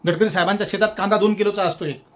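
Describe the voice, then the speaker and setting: Brief: male satirical commentator, high-pitched, sarcastic and scolding, laughs through his own jabs. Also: fairly even intonation, rapid-fire. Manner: sarcastic mock-scolding, repeats jeering taunts; chuckles while speaking.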